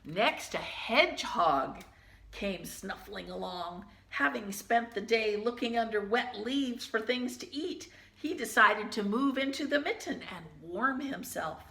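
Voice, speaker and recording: A woman teacher reading a children's picture book aloud, gently pausing to point out the pictures in hushed asides. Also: a little high, expressive, vocal fry, reverberant.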